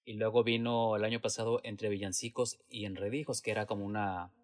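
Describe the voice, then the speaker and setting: A man with a somewhat low voice talks about his theater work in a casual interview. He is reflective and hesitant, restarting sentences and filling pauses as he thinks. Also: level tone. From Latin America. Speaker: theater actor and producer.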